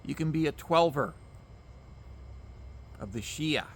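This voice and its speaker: A man's voice: fairly high pitch, expressive, slow pace. A man, ranting emphatically to camera outdoors, repeating himself and swearing. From Canada. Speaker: vlogger. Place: outdoors among mosquitoes.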